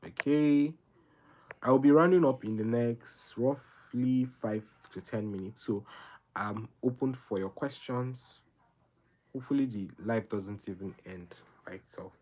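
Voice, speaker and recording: This is a young Nigerian man answering viewer questions on a livestream, his mid-range voice mellow and his pace measured. He gives sincere, rambling advice, says things more than once, and keeps tagging on "right?".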